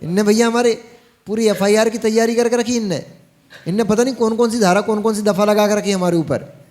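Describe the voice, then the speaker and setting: High-voiced man preaching. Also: fairly even intonation, a little fast, a little mellow. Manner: folksy, addresses the audience directly with teasing asides. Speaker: Jain monk preacher. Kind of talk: sermon.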